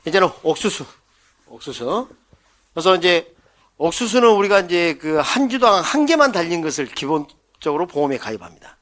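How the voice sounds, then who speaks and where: A male lecturer with a rather high voice runs an exam-prep class. He turns the material into jokey acted-out scenes for memorizing. He keeps throwing quick check questions at his students. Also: big pitch swings, fairly bright tone. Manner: playful, jokes and mimics scenes for mnemonics; quizzes listeners with quick questions.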